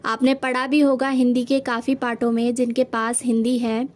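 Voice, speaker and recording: High-voiced woman teaching Hindi spelling. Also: flat delivery, normal speed, a little mellow. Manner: patient, step-by-step explaining, addresses students as children. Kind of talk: spelling lesson for students.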